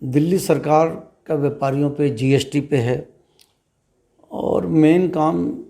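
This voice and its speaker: Gravelly mellow-voiced man answering questions. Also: fairly high pitch, fairly even intonation. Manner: measured, emphatic, uses rhetorical questions. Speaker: trader association leader interviewed as guest. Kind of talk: interview answers.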